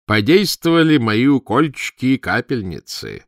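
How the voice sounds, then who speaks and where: A man's voice: on the low side, animated, normal speed, fairly bright tone, no room sound. A guy doing a smug proud doctor, brags about his cure, dry close sound. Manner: proud, gloating. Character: smug, self-satisfied male chief doctor.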